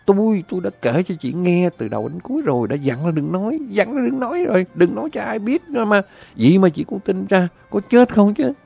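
A woman's voice: sing-song, brisk, vocal fry, hardly any pauses, warm tone, breathy edge, exaggerated voice. A man voicing an indignant young village wife, scolding shrilly. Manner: shrill, exclaiming, reproachful.

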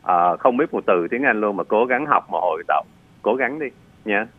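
A man, an immigration lawyer, giving patient advice on a radio call-in show, pausing often with fillers as he explains. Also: fairly low pitch, expressive, no echo. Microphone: phone line. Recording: tinny phone line, dry.

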